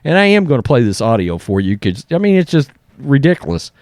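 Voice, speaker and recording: A man's voice: mid-range voice, big pitch swings, brisk, a little mellow, dry recording, clean studio sound. A man hosting casual sports commentary, speaking bluntly and conversationally as he reads and reacts. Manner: blunt, conversational, often tags points with "okay?". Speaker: sports commentary video host. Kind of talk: casual opinion commentary, reading and reacting to articles.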